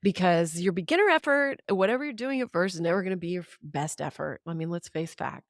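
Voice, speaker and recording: Woman guest on a podcast, kinda low voice, rambly and blunt, swears a lot, dry sound. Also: expressive, fast talker, no room sound. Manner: candid, rambling, swears freely, laughs often. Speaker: podcast guest, musician and writer. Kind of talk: casual conversation.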